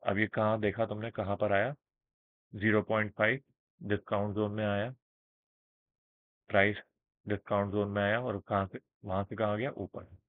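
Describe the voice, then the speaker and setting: A man teaching trading in a casual screen-share lesson, speaking slowly and checking in with his listeners often. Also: lowish voice, level tone, no room sound. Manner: explains with everyday examples, checks in with listeners. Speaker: trading instructor. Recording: narrow phone-like band, dry.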